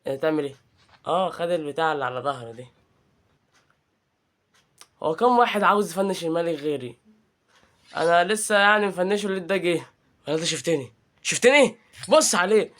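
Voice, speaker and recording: High-voiced Egyptian man teasing through gameplay. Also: fast, pauses often, fairly bright tone. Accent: Egyptian Arabic. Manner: playful, teasing, trash-talking the game. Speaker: gaming channel host. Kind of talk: gameplay commentary.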